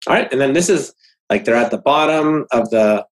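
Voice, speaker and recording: A man's voice: mid-range voice, expressive, a little fast, poor audio. A man explaining a website layout on a video call, casual and explanatory with fillers and restarts. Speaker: web design consultant.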